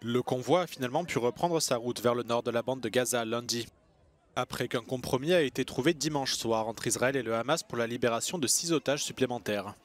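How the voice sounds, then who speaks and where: Male news anchor, measured scripted delivery, mid-range voice. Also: mid-range voice. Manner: measured, even newsreader delivery.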